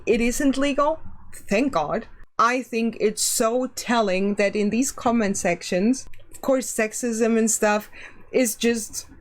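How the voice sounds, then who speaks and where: Slow, high-voiced sarcastic woman from Germany. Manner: sarcastic, incredulous. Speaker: science video creator reacting to comments. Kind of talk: casual commentary, reading out comments.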